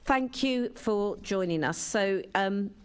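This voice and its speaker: A woman chairs a council committee in its chamber, her voice sitting at an ordinary middle pitch. She works through formal procedure in a measured way. Now and then she hesitates and restarts a sentence. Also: lively intonation, clear, resonant tone.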